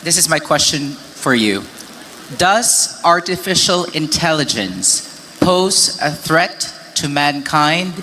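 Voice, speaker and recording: A man's voice: on the high side, animated, slow, pushed and bright. A man formally reading out a question as a pageant judge into a handheld microphone. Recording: live event mic, faint venue noise.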